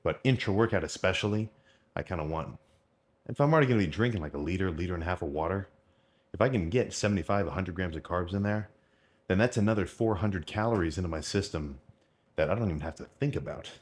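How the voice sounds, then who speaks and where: A man's voice: sits low, fast talker. A man in his twenties chatting in a casual, rambling, slangy way, as a fitness vlogger. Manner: rambling, informal, full of slang and mild swearing. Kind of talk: casual unscripted vlog chat about eating and training.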